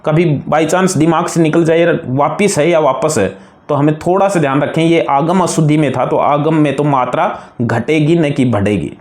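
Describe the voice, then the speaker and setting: Male grammar teacher, slightly high pitch, patient step-by-step explaining, echoey room. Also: normal speed. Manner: explains spelling rules patiently, repeating words and contrasting wrong with right forms. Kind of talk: classroom-style grammar lesson.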